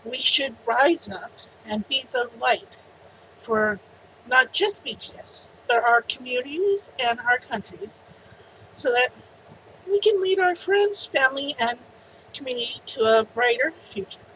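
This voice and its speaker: Slow, earnest woman reading a heartfelt message. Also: high-pitched, lively intonation, a bit bright, a little hiss or hum, poor audio. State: teary. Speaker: vlogger. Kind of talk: personal vlog, reading a written message then chatting.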